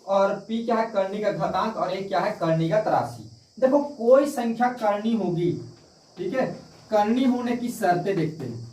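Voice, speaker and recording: A man's voice: sits high, lively intonation, normal speed, darkish tone. A man teaching a math lesson, asking the class questions and answering them himself, repeating key points. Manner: repetitive, asks and answers own questions. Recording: echoey room, distant mic.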